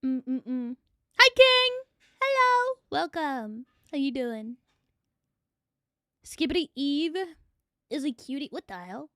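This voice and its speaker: High-voiced playful woman streamer. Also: lively intonation, takes it slowly, sharp tone, no echo, studio quality. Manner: playful, swearing, chatting with viewers. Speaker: VTuber streamer. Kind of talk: casual livestream chat.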